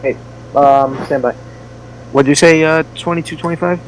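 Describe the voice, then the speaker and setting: A man's voice: on the high side, fairly even intonation, moderate pace. A man working as a train radio dispatcher, giving clipped, procedural instructions. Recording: very noisy radio traffic.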